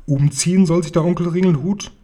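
A man's voice: fairly high pitch, fairly even intonation, a little fast, mellow, close to an everyday voice. A man voicing an eager, curious young boy who keeps asking astonished questions in a storybook reading.

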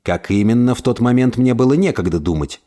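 A man reading a first-person story aloud in an expressive narration. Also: mid-range voice, a little fast. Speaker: audiobook reader.

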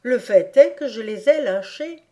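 A woman voicing a steady, good-natured man. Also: a little high, a little slow, pitched above the performer's own voice. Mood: sheepish.

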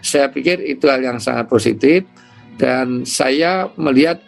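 A man, an Islamic cleric, explaining ideas in an interview with lively storytelling. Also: medium pitch, unhurried, creaky, soft background music. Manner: lively storytelling with imitated sounds.

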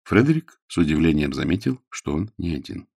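A man reading a story aloud as narrator, expressive and storytelling. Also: extremely low pitch, fairly quick, vocal fry, husky, dry recording, studio quality. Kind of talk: audiobook reading.

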